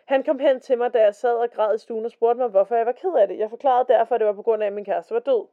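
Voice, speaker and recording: A woman's voice: on the high side, steady tone. A woman co-hosting a casual podcast, reading stories aloud and chatting. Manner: chatty, reads quotes in a slower voice. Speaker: podcast co-host. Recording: dull lo-fi podcast recording.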